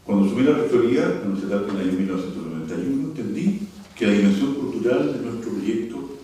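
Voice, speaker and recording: Here a Chilean university leader from Santiago, in his 60s or older, gives a prepared formal address with asides at a cultural forum. His dark, lowish voice is animated and a little fast. The sound comes from far away in a very echoey indoor hall, with a trace of noise.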